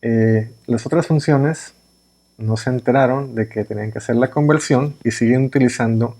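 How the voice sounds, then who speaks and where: A man's voice: mid-range voice, normal speed, mellow. A man explaining ideas through everyday examples in a pre-recorded workshop lesson, often checking in with "verdad?". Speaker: writing workshop instructor.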